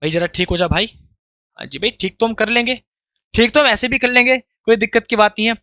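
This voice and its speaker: An English teacher runs a grammar lesson for exam prep, reading each English sentence out word by word and then explaining it slowly. His voice is extremely high, bright and forceful, with no room sound.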